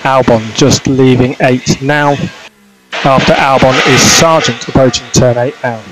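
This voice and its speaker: A male race engineer speaks in short, procedural bursts as a spotter over team radio. His voice sits at a medium pitch. The transmission is noisy, with clicks and vehicle sound. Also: steady tone, a little slow, fairly bright tone. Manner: terse, clipped, procedural callouts. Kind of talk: race spotter radio, calling traffic to driver.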